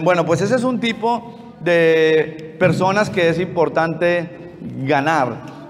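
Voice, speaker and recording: A man's voice: high voice, in a large hall. A man preaching a sermon as pastor, telling stories and acting out conversations with a neighbor. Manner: storytelling, acting out dialogue with a neighbor.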